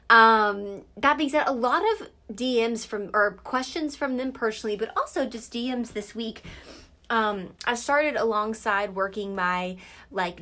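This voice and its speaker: A woman's voice: a little high, a bit bright. A young adult woman hosting a casual motivational podcast, recorded inside a closet, talking in an upbeat, emphatic way and repeating phrases for punch. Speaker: podcast host and nutrition coach.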